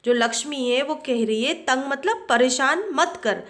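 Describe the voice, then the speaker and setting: A woman teacher patiently explains a story lesson to a class, retelling each line. She speaks slowly in a fairly high voice. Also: fairly bright tone. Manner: patient, explaining word meanings. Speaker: school teacher.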